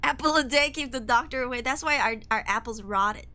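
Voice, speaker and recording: A woman's voice: sits high, a little fast, pushed and bright. A young woman streaming a horror game, chatty and jumpy, sniffly with a cold. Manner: chatty, jumpy, swearing and laughing. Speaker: VTuber streamer.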